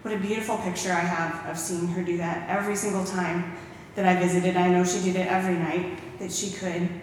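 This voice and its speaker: Speaking briskly in a fairly low voice with little pitch movement, a woman gives her church testimony, warmly telling stories and quoting scripture. The sound comes from a distant mic in an echoey hall, with slight background noise.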